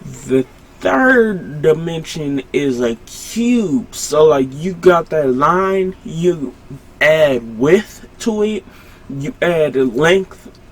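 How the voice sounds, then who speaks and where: A man's voice: a little high, expressive. A young man hosting a solo podcast at home late at night, rambling casually with lots of fillers and breaking off his own sentences. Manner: loose, self-interrupting, lots of fillers; slow, drowsy late-night talk.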